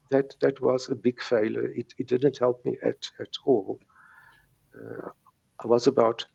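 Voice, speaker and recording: Gravelly and slightly mellow at a medium pitch, this middle-aged man speaks with a South African Afrikaans accent, Afrikaans being his native tongue. As an interview guest he gives a personal account of overcoming his stutter, still stuttering and repeating words and sounds, over dull audio.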